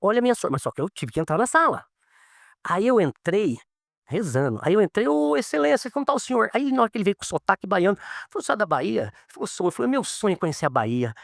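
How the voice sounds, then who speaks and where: Lawyer guy telling stories in an interview, talks quick, does the voices in his quotes, dry sound. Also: high-pitched, no room sound. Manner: animated, acts out quoted dialogue. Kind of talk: casual storytelling in an interview.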